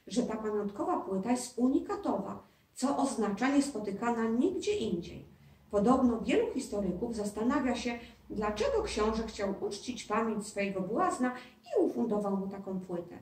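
A woman's voice: on the high side, big pitch swings, normal speed, a little mellow. Woman reading as an eager curious schoolboy. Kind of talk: children's story reading. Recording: roomy, distant mic.

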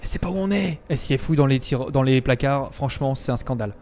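This is live gameplay commentary from a young man whose mid-range, slightly mellow voice moves at a quick pace. He chats with viewers and addresses in-game characters, breaking into dramatic yelps when frightened.

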